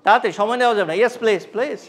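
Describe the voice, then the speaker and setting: A man's voice: very high voice, very fast. A middle-aged man, running a live English communication workshop and quizzing his audience in Bengali mixed with English.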